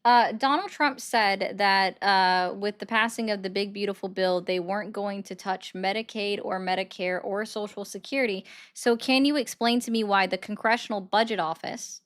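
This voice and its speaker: A woman's voice: mid-range voice, steady tone, normal speed, few pauses, fairly bright tone. A woman hosting a political call-in livestream, talking bluntly and pushing back firmly on her callers. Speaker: host taking viewer calls.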